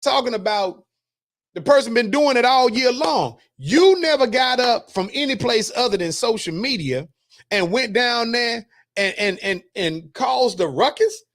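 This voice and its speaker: High-pitched man ranting on a livestream. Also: expressive, measured pace, a bit bright. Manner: wry, preachy, jokes and laughs between points, reads comments aloud. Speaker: host. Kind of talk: casual commentary reading news and chat comments.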